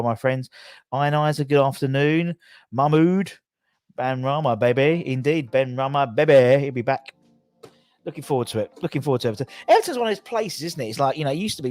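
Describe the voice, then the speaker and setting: Man, southern English accent, mid-pitched, informal fan-channel host, rambling jokey chat, repeats himself, music underneath. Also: darkish tone, dry recording. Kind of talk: casual livestream chat to viewers.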